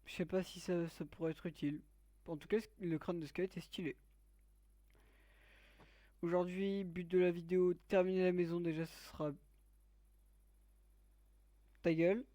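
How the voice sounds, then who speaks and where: A man's voice: high voice, little pitch movement, moderate pace, pauses often, dark tone, dry recording. A man giving let's play commentary, joking crudely and teasing his viewers. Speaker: gaming YouTuber.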